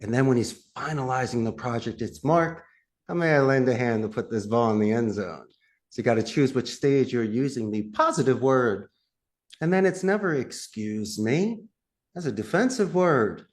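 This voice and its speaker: Answering interview questions at a moderate pace, a call center CEO with a Philly accent sounds emphatic and animated. Laughs pop up often, and his pitch swings lively throughout.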